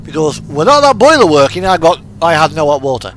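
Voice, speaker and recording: A British streamer chats casually and muses off the cuff, rambling and unscripted, while playing a truck driving simulator. His fairly high voice is sing-song, fairly bright and a little fast. Radio music and the game's truck engine play in the background, with a little hiss or hum.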